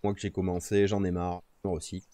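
This fast-talking man has a low, dark voice with little pitch movement and no echo. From outdoors in nature, he chats casually on his live stream, addressing himself and his viewers as he fiddles with his streaming microphone's settings and noise gate.

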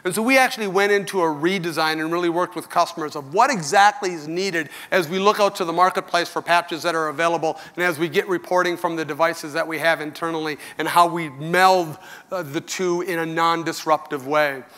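A middle-aged man speaks from a big conference stage through a headset mic. His voice sits somewhat high for a man. He talks in an earnest, conversational way, frank with his audience of customers. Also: fairly quick, pushed and bright. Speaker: company executive giving keynote. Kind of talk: conference keynote speech.

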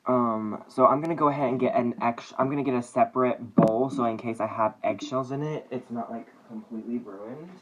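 In a lo-fi recording, a young man talks at medium pitch, fairly quickly and with few pauses, as he cooks in his home kitchen for a casual, playful vlog shot on a phone at arm's length. Dishes clatter and clicks sound through the noisy kitchen.

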